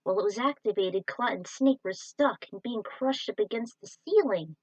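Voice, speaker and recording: An amateur podfic narrator reads an adventure story from a script at normal speed. Her voice is mid-range, and the lo-fi home recording carries no echo.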